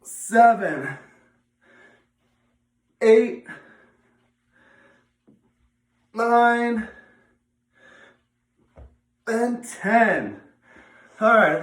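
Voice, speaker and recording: An echoey room carries the fairly high voice of a man teaching physical education. He talks learners through exercises informally, repeats the key steps and encourages them, lifting his voice when counting. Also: fairly bright tone. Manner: encouraging, counts repetitions aloud in raised voice. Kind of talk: instructional exercise demonstration.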